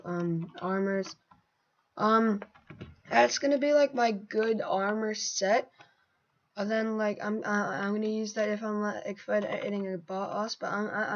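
A woman casually narrating her gameplay as a channel host, rambling with many fillers and sudden excited outbursts. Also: mid-range voice, lo-fi sound.

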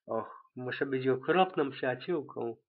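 A fretful, theatrical young unicorn mare who gushes over every small thing, as a man reading the story puts her on. Her pitch sits in the middle range, never strained high. The sound is thin and tinny, like it comes down a phone line. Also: measured pace, husky. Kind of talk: amateur audiobook reading.

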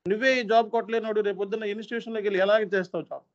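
Stern high-voiced man lecturing trainees. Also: steady tone, racing. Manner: stern, lecturing, repeats points for emphasis. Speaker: SAP training instructor. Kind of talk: earnest appeal to trainees. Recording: dull lo-fi sound.

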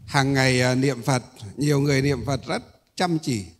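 A male Buddhist monk giving a sermon. He pauses often on drawn-out "uh" sounds and asks rhetorical questions that he then answers himself. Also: medium pitch. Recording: echoey hall.

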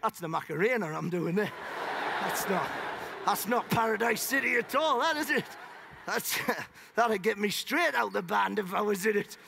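A man's voice: high-pitched, lively intonation, moderate pace, creaky, bright, forceful tone. A male comedian with a Northern English accent doing improvised stand-up on a theatre stage, rambling between tangents and laughing at his own jokes. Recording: live theatre with audience noise.

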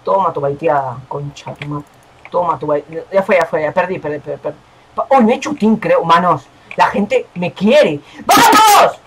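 A young man hosting a gaming channel, talking casually and excitably over his game, swearing and yelling at the screen. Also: on the high side, moderate pace, breathy edge.

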